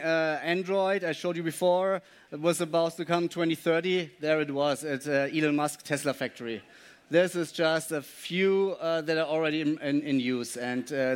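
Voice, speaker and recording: Smooth-voiced, hesitant male presenter. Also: on the high side. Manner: relaxed, hesitant, lots of filler words. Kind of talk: lecture presentation.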